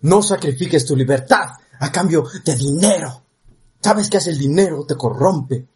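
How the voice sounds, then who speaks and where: A man's voice: on the high side, lively intonation, moderate pace, a little mellow, lightly acted. A man with a Mexican accent playing a fervent sidekick life coach in a comedy parody, eagerly echoing his partner.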